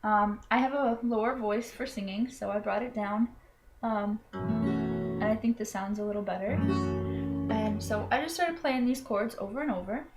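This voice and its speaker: Over loud music, a young adult woman talks at normal speed in a medium-pitched voice. The Florida college student is making a personal explanatory video, explaining something earnestly but hesitantly, self-conscious and full of ums and restarts.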